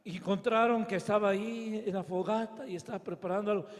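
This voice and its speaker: A man with a Mexican Spanish accent preaching a sermon as pastor, telling the story dramatically, rising to shouts and sinking to soft tones. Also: high voice, steady tone, quick pace. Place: church. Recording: long church hall reverb.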